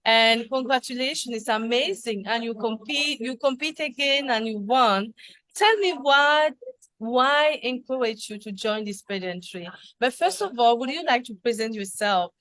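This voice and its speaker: A woman's voice: fairly high pitch, moderate pace, fairly bright tone, dry recording. A woman with a French accent hosting an interview show, greeting her guest with effusive compliments. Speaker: talk show host.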